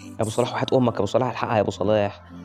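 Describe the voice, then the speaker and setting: Egyptian man, rapid-fire game commentary, cheers on his players, warm mellow tone, faint music underneath. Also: on the low side. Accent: Egyptian Arabic. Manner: excitable, chatty, cheers on players by nickname. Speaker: gaming YouTuber. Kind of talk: live gameplay commentary.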